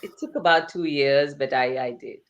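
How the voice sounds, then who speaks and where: The recording cuts off the highs on this woman's low-pitched voice, which holds a moderate pace. An author from Asia, she speaks earnestly in a conversational interview, stressing points by repeating phrases and asking rhetorical questions.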